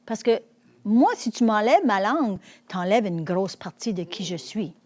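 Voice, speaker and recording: A woman's voice: medium pitch, expressive, a little slow, darkish tone. Earnest, encouraging woman. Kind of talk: reflective commentary.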